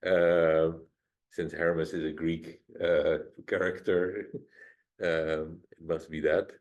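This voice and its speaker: A man with a low voice steers a relaxed conversation about AI models. He asks questions and keeps things moving. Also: slow. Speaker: co-host guiding the discussion. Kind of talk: casual technical discussion.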